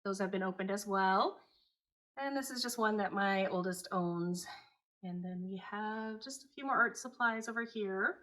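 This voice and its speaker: Chatty homeschooling mom on a home tour. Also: female voice, medium pitch, normal speed. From Taiwan. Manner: relaxed, chatty, matter-of-fact. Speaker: homeschooling mother and channel host. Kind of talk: casual home tour vlog. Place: at home, indoors.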